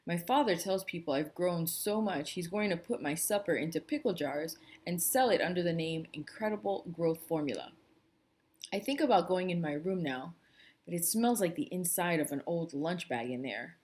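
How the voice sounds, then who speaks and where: A woman reading a novel aloud for a book club, in steady first-person storybook narration. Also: fairly low pitch, normal speed.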